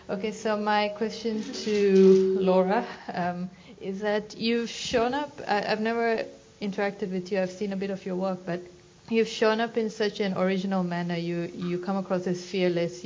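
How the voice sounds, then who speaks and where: A woman's voice: medium pitch, a little mellow. Hesitant woman audience questioner, lo-fi. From Tanzania. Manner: hesitant, thoughtful, repeats words. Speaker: audience member asking a question. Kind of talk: question from the floor.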